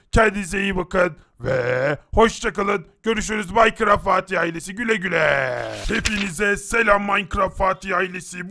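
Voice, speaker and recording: A man hosting a game video, talking excitedly and calling out to his viewers. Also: sits high, vocal fry. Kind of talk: casual game commentary.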